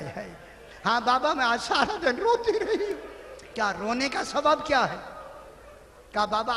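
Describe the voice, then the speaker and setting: A man giving a mourning sermon as a religious orator, lamenting with drawn-out cries of grief. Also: sits high, bright, forceful tone. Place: large hall at a mourning gathering. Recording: echoey hall with long reverb.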